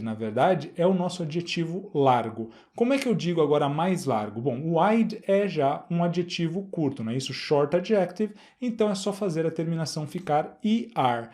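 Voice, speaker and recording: A middle-aged man with a Brazilian Portuguese accent, explaining an English grammar exercise as a teacher, repeating words slowly and checking in with the class. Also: on the high side, a little mellow.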